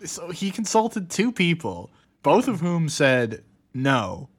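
A man's voice: fairly high pitch, sing-song, slow pace, breathy edge. A man co-hosting a casual podcast chat, blunt and sarcastic. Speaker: podcast co-host.

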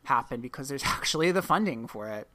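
Low-pitched woman host rambling through a story on a chatty podcast. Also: expressive, quick pace, a bit bright, slight background noise. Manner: rambling, self-correcting storytelling. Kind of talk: casual podcast chat.

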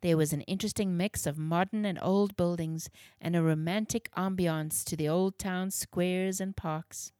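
A woman reads a children's story with clear, measured delivery. Her voice sits on the low side, and the recording is close and completely dry. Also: fairly even intonation, mellow, no room sound.

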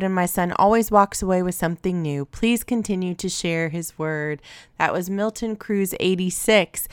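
Gentle woman host with a smooth voice. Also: medium pitch, dry recording, studio quality. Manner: gentle and encouraging. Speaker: podcast host. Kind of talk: reading listener reviews aloud.

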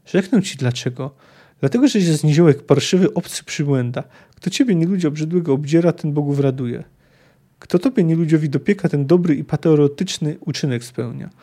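A brutal, sneering male bandit spits out jeering threats in a novel reading, voiced by a man. The voice sits a little high and is soft and mellow in tone. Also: fairly quick, lightly acted. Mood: contemptuous. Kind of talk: reading a novel aloud in character.

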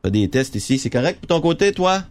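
A man with a Quebec French accent making a prank phone call, posing as a phone company engineer in a mock-official, deadpan way. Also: medium pitch, fast, slight background noise. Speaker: prank caller.

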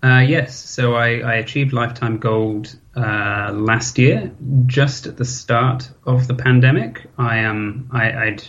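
A man's voice: mid-range voice, slow pace, hardly any pauses, fairly bright tone. Hesitant British-accented man, lo-fi call. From Hong Kong. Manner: hesitant, many ums and restarts. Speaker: interview guest, forum member. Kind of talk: casual interview.

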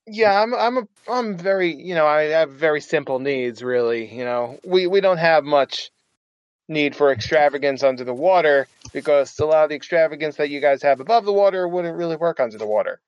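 A man's voice: a little high, fairly quick, dry recording, muffled recording. A man playing a tabletop game, improvising casually in character in a rambling, self-promoting way.

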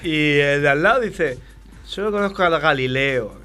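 Animated Spanish man telling a story. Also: fairly high pitch, moderate pace. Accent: Spain Spanish. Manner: animated storyteller, acts out dialogue. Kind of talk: casual banter.

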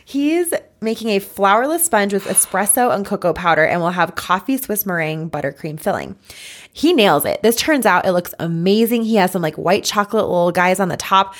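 This is a woman from the United States co-hosting a casual podcast, talking at a middling pitch. She recaps scenes in an easy, chatty way and breaks into laughs now and then. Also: lively intonation, moderate pace. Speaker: podcast co-host.

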